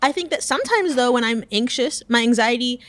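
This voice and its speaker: A woman's voice: fairly high pitch, lively intonation, a little fast, dry recording. A woman co-hosting a podcast, speaking thoughtfully and candidly in casual conversation. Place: library room.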